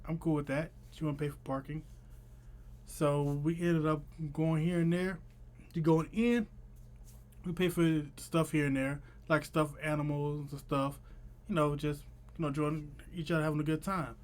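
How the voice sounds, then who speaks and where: A young adult man with a slightly high voice tells a story in a loose, chatty vlog style. He has a noticeable lisp, his s sounds coming out slushy like sh. His wording is informal and slangy, recorded at home a little way from the mic. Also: a little mellow. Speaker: vlogger. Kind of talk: casual storytelling to camera. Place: small room at home.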